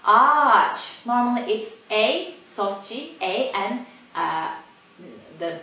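A Turkish-accented woman teaching pronunciation in an unhurried, patient way, repeating each sound several times. Her voice sits in a middle range. The recording rings with a strong room echo. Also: mid-range voice, lively intonation, gravelly. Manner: slow, repeats words, frequent fillers. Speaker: language teacher. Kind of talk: casual pronunciation lesson. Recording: echoey room.

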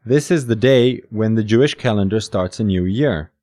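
Low-voiced man explaining customs. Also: moderate pace, mellow. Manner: explanatory, lightly humorous. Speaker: podcast co-host. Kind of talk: scripted educational podcast dialogue.

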